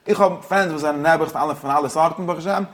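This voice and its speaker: A man in a lively discussion, talking quickly and repetitively, restarting phrases and mixing Yiddish, German and English words. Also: a little high. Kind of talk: heated casual discussion.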